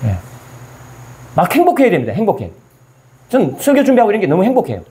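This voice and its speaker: A man's voice: sits high, huge pitch swings, fast talker, darkish tone. A male pastor preaching a sermon. He asks his listeners questions and answers them himself, and he acts out scripture in casual everyday speech.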